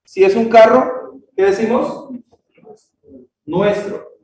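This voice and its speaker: A man's voice: sits high, steady tone, slow pace, a little mellow. A man teaching a grammar lesson in a church classroom, checking in with short questions and repeating key words. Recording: echoey room, distant mic, faint noise.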